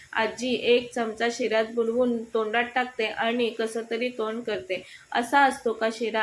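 A woman reading aloud as the storyteller of a romantic story, in a steady, even way. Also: on the high side, slight background noise. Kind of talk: read-aloud story narration.

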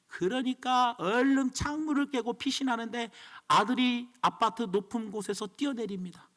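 A man's voice: extremely high pitch, normal speed, fairly bright tone. A man preaching a sermon as pastor, emphatic and storytelling.

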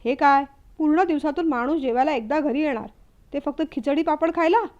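A woman's voice: high voice, a little fast, a little mellow, highs cut off, close to an everyday voice. Woman doing a spoiled hot-tempered young man. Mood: irritated.

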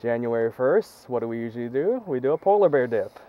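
A man's voice: mid-range voice, expressive, a little fast, muffled recording. A young man chats casually while hosting a vlog from behind a handheld camera in the open air. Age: young adult. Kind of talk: casual chat. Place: open foggy lakeside, outdoors. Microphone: handheld camera mic. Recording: outdoor camera with background noise.

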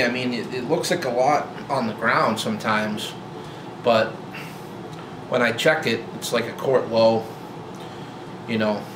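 A vlogger in his forties chats casually to the camera about his old truck, rambling in a relaxed way full of fillers and restarts. His voice is medium in pitch, and the roomy garage he's filming in carries a loud hum.

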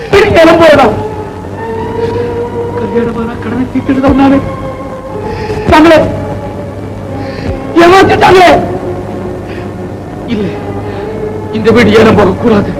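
A man's voice: very high-pitched, expressive, takes it slowly, long pauses, reverberant, exaggerated voice, rough recording. An actor playing an aging father ruined by debt, pleading and lamenting in old film style. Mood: indignant. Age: older. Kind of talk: 1960s film acting. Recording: old film soundtrack with music.

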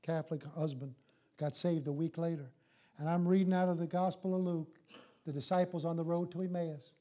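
An older man preaching a church sermon in an animated, folksy, joking way, putting rhetorical questions to his listeners. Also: on the high side, fairly quick. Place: church sanctuary, in front of a small congregation.

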